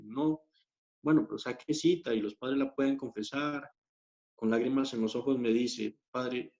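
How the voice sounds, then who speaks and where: A man at a middling pitch tells of his faith as a deacon, in an earnest, storytelling way. He often hesitates and fills pauses as he goes. The recording sounds a little muffled. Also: a little mellow. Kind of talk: personal faith testimony.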